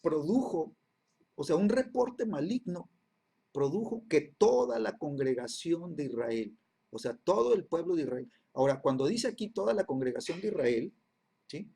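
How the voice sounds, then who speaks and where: Leading a Bible class, this man repeats phrases and keeps asking "¿sí?" and "¿verdad?" after almost every line. His voice sits fairly high with lively intonation and a moderate pace, gravelly and slightly rough but warm in tone.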